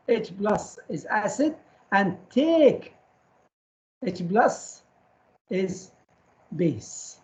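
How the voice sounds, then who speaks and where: A male chemistry lecturer talks at an unhurried, deliberate pace, stopping often to quiz the room with quick questions. He repeats names and terms over and over, and the recording sounds muffled and lo-fi. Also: sits high. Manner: quizzes students with short questions and repeats key terms. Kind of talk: classroom lecture.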